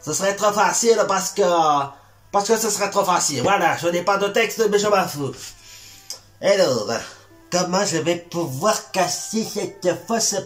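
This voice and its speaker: A man's voice: high voice, measured pace, a bit bright, faint music behind, pitched above the performer's own voice. A man playing a boastful self-styled martial arts master in a comedy sketch, with a put-on Québécois French accent and a worn-out voice. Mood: swaggering. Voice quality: swaggering, insulting, mock-solemn.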